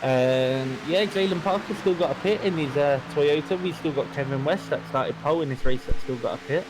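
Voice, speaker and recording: A man as co-commentator on a sim race, giving relaxed, easygoing analysis. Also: a little high, a little fast, heavy background noise. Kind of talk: sim racing colour commentary.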